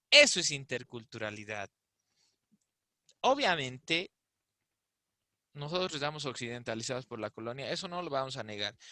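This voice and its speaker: This man speaks at a medium pitch with a sharp tone, and the recording has no echo. Invited to an online discussion, he gives an explanatory, conversational talk laced with rhetorical questions.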